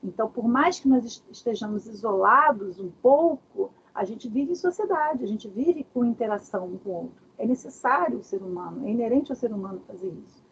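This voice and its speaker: Uma mulher dá um workshop online de casa, com jeito animado e muitas perguntas retóricas. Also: female voice, fairly high pitch, a little fast, hardly any pauses. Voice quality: very husky. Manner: animated, asks many rhetorical questions. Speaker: workshop speaker. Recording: dull lo-fi video call audio.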